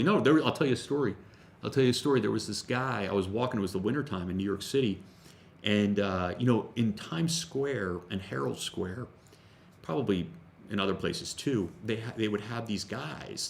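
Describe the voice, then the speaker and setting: Gravelly low-voiced man telling a rambling story. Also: a little hiss or hum. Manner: rambling, with frequent restarts and fillers; casual, with the odd swear word. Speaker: jiu-jitsu instructor. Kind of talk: casual storytelling during a workout stream.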